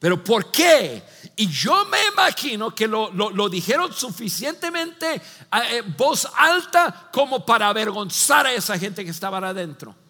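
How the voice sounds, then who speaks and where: A male pastor preaching a sermon, telling a story with lively acted-out voices and frequent restarts. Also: high voice, a little slow, long reverb tail. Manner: animated storytelling, acts out voices, many restarts.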